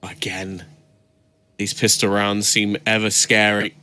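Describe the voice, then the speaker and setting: Male esports caster calling live play. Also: lowish voice. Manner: builds into excited, drawn-out calls at big moments.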